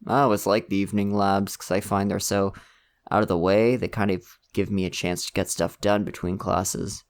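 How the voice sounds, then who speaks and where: In this ASMR roleplay, a young man voices a friendly college student who's a bit shy. His clean-toned voice sits low with little pitch movement at a normal pace, and he stays casual, soft-spoken and chatty, laughing a lot in an easygoing way.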